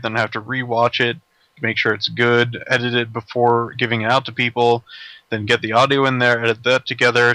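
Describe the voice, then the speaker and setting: A man in casual podcast chat, rambling with halting restarts. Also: medium pitch, sharp tone, dry recording, low-quality recording.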